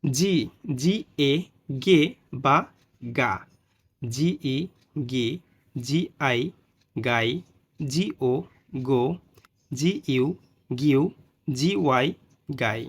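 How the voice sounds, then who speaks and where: A man's voice: medium pitch, drawn-out words, pauses often, slightly rough. A man teaching English reading, patiently spelling out letter pairs and their sounds one by one, often checking in with the listener. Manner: frequent "ঠিক আছে" check-ins. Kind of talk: spoken phonics lesson.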